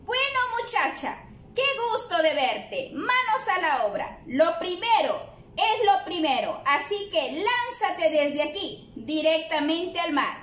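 A woman's voice: very high-pitched, sing-song, takes it slowly, a bit bright, exaggerated voice. A woman voicing a cheerful, bossy male penguin giving upbeat, coaxing commands, in an echoey room.

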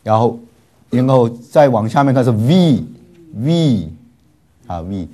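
A man's voice: mid-range voice, a little mellow. A man teaching a class, leading drills with repeated syllables and playful asides. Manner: slow, drawn-out, repeats syllables for students to follow; frequent filler particles, playful asides.

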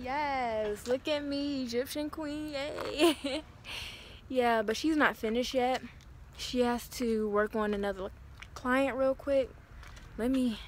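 A woman vlogger chatting casually and talking straight to her viewers on a phone camera. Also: fairly high pitch. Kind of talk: casual vlog chat. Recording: noisy background hiss.

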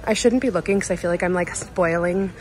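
A woman's voice: fairly low pitch, fairly quick, poor audio. Gushing young woman filming in a store. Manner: gushing, excitable, talks straight to viewers. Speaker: lifestyle vlogger. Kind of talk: casual shop-with-me vlog. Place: large retail store, indoors. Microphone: handheld phone at arm's length. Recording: in-store background ambience.

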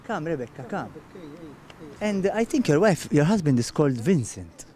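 A Maltese-accented man in his thirties hosts an outdoor TV segment in a garden, holding a handheld mic. His voice sits on the high side with big pitch swings, a dark tone and normal speed as he coaches his guest, repeats himself, and eventually grows sentimental.

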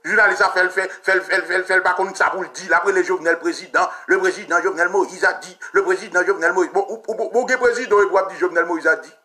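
Haitian male radio host, high-pitched and bright, emphatic ranting commentary. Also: fairly even intonation, fast talker, few pauses. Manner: emphatic, repetitive, swears, pitch jumps when ranting. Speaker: radio talk show host. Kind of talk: heated political commentary.

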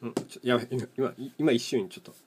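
Background noise sits under this fast-talking man with a mid-range voice. As host of a solo mahjong chat video and a live streamer, he rambles through his tile play, voicing his thoughts in clipped, matter-of-fact pieces.

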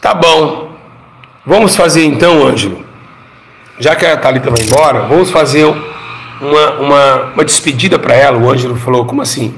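A man's voice: medium pitch, normal speed, fairly bright tone, a little hiss or hum. A middle-aged Brazilian man and former pastor gives an emotional testimony. He tells the story dramatically, repeats his phrases and has the audience repeat after him.

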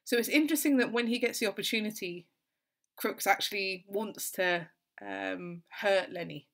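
During an exam-revision literature lesson, a woman tutor explains things steadily and thoughtfully, often saying "so" and "kind of". Her pitch is medium and she speaks at a normal speed.

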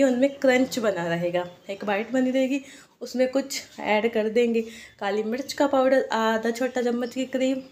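A woman with a somewhat high voice talks the listener through a home recipe as the host of her cooking channel. Her delivery is friendly and instructive, moving step by step through each ingredient and method. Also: darkish tone. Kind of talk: recipe voice-over narration.

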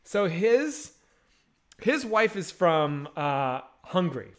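His voice sits high, but this man in his thirties takes things slowly as he hosts a casual video-call chat. The podcast host uses a headset mic in a home room with bookshelves and tells crude stories in an animated way.

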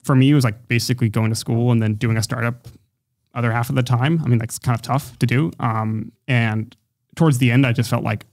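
Fast-talking young man telling stories. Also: medium pitch, steady tone. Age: young adult. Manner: quick, loose storytelling full of "like". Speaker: guest. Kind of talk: casual podcast interview. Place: office studio, indoors. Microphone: studio mic on boom arm, headphones.

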